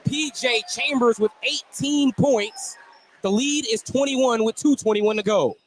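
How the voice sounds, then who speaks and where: Courtside in a school gym, a man calls live basketball play-by-play for radio, describing the action in running detail. His voice is very high-pitched and a little slow, and the low-quality live recording carries background noise.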